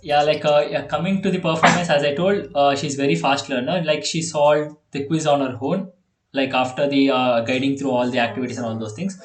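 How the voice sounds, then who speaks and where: In a casual online coding lesson, this young Telugu-speaking man from India, with an Indian accent, speaks a little fast in a medium, steady tone. He's hesitant, repeatedly restarting and using fillers, and the video call audio is echoey.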